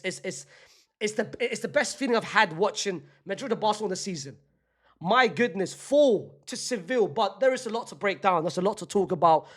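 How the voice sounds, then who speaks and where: A man hosting a football reaction vlog, talking casually in a playful, teasing, mock-solemn way, repeating himself and stumbling over restarts when excited. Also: high voice. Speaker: football reaction channel host.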